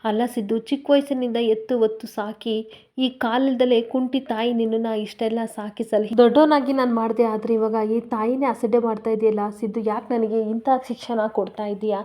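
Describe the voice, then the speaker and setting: A woman's voice: a little high, fairly even intonation, moderate pace, mellow, lightly acted. A woman voicing a tearful middle-aged mother who feels neglected by her son. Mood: grieving. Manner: grieving, reproachful.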